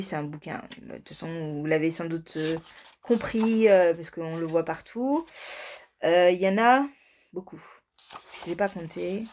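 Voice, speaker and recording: Woman host, lowish voice, casual self-mocking chat about knitting, frequent half-whispered asides. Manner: chatty, self-mocking, murmurs asides under her breath.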